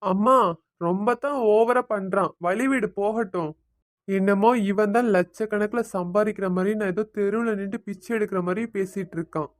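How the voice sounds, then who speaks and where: A woman's voice: medium pitch, moderate pace, darkish tone, no echo, studio quality, lightly acted. A woman voicing an angry grown son in a cartoon, indignant and sarcastic. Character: defiant grown son, angry and leaving home.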